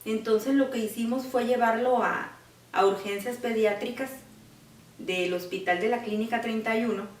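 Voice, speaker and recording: A woman's voice: on the high side, fairly even intonation, moderate pace, slight background noise. Mother telling her story, reflective, filler-heavy, roomy sound from a distance. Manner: reflective, with many fillers like "pues" and "¿no?". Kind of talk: personal account in an interview.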